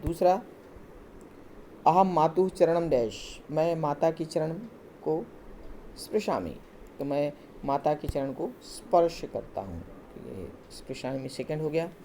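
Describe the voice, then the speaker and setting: A male teacher explaining textbook exercises in a recorded class, patient and step by step, with hesitant pauses. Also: fairly high pitch, mellow, slight background noise.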